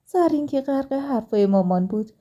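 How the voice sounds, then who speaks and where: Very dark, mellow storytelling woman. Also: high voice, expressive. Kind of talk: first-person story narration.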